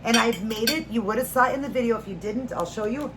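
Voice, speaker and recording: A woman's voice: fairly high pitch, quick pace. A middle-aged woman hosting a vlog, chatting casually to viewers in a rambling, homey, earnest way. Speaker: host of a food and faith vlog. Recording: noticeable background noise, home video.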